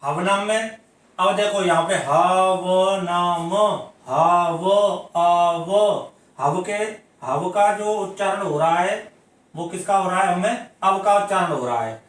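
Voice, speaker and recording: A man with a fairly high voice teaches at an unhurried pace, posing questions to the class and answering them himself. He stretches example words out syllable by syllable. The recording is very echoey, with the voice picked up from some distance from the mic. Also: fairly bright tone. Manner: explains step by step, asking questions and answering them. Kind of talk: Hindi grammar lesson. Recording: very echoey room, voice from away from the mic.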